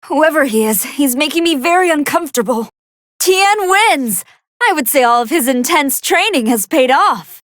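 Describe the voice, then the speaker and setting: A woman voicing a gentle, earnest young female android scientist who gives polite, precise fight commentary in a video game. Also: sits high, normal speed, dry recording, clean studio sound. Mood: curious, earnest. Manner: polite, precise, analytical, expressive. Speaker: match commentator.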